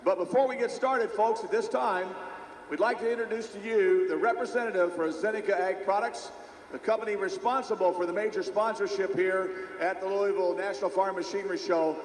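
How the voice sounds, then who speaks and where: A man's voice: sits high, steady tone. A middle-aged man working as a tractor pull announcer, calling out introductions in a folksy way and stretching out the names. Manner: folksy, drawn-out emphasis on names. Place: large indoor arena. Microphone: handheld microphone. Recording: echoey arena PA, some background noise.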